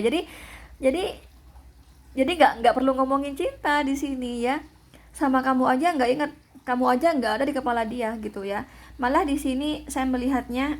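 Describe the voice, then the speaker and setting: Lady doing a tarot reading, kinda high voice, rambly and chatty, lots of fillers. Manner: chatty and repetitive, full of filler words. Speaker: tarot reader. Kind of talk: casual tarot reading to viewers.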